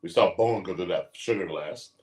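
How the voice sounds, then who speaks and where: A man's voice: low-pitched, a little fast. A man co-hosting a casual wrestling recap podcast, telling stories with lots of swearing. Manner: swearing, animated storytelling. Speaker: podcast co-host. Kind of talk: casual chat.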